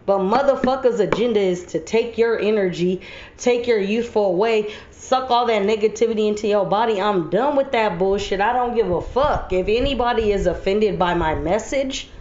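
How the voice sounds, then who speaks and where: A woman vents in a personal monologue, blunt and heavily profane. The recording sits in an echoey room with a muffled, lo-fi tone, and her pitch stays in a middling range. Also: normal speed, darkish tone, a little hiss or hum. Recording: echoey room, dull lo-fi audio.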